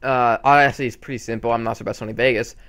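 Speaking rapid-fire at a medium pitch, the channel host, a young man, chats his way through a screen-recorded tutorial. He's excitable and rambles, often stopping to correct himself.

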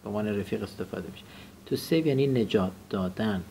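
A man teaches English words in a classroom lesson. He repeats each word and has his student say it back. His voice has a gravelly rasp, and a faint noise sits under the recording. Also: on the low side, warm tone.

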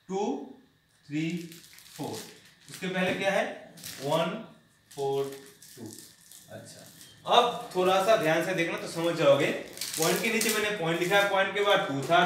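Recorded far from the mic in an echoey room, a man with a high-sitting, slightly bright voice leads a maths lesson in class. He explains each step in turn and keeps checking that the students are following.

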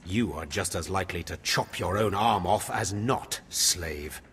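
A man's voice: low-pitched, a little slow, a bit bright, a little hiss or hum. An actor playing a harsh, contemptuous male Sith overseer in a video game, giving cold commands. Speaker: academy overseer.

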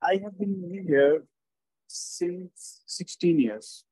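Halting, high-voiced Pakistani man. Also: dark tone, breathy edge, dry recording, rough recording. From Lahore, Pakistan. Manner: halting, hesitant non-native English. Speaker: language test candidate. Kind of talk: spoken test answers.

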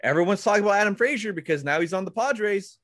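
Excitable young man, dry sound. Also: high-pitched, fast, no echo. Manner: excitable, exclaims and restarts often. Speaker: podcast co-host. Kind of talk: casual sports chat.

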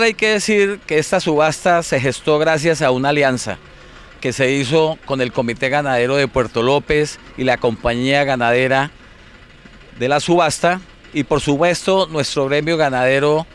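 A middle-aged Colombian man giving a formal, measured interview answer, phrase by phrase, into a handheld microphone outdoors. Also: on the high side, fairly bright tone, clean tone. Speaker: cattle association executive president. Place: outdoors by cattle pens. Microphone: handheld reporter microphone.

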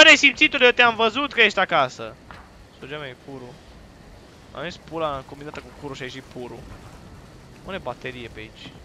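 A young man from Romania commentating a horror game he is playing, with crude jokes and sudden loud yells at the screen. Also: mid-range voice, slight background noise. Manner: crude joking banter, bursts into loud yelling at the game. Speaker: gaming YouTuber.

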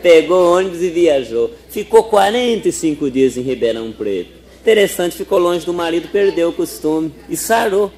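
A man's voice: fairly high pitch, very animated, normal speed, darkish tone. A man telling folksy jokes in colloquial speech at a live stage show. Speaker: comedian. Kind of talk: stand-up joke telling.

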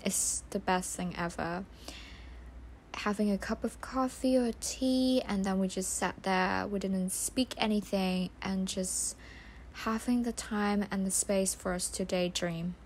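Over background music, a soft-spoken young vlogger delivers reflective narration through a studio voice-over mic. She speaks at medium pitch, slowly and without hurry, and her phrasing is non-native.

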